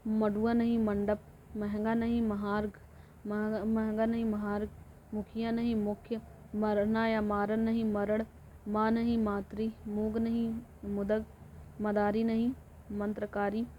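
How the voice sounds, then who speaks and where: A woman teaching an exam-prep lesson, reading through word pairs and repeating each one in a steady drilling way. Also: medium pitch, unhurried. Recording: dull lo-fi audio with faint noise.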